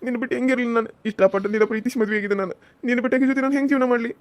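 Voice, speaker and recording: A meek young farmer man from a cartoon serial, as a woman plays him, pleads and frets. He talks fast, and the voice sits a little high for a man. The recording is dry and close. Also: no echo, lightly acted. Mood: pleading. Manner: pleading, helpless. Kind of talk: cartoon voice acting.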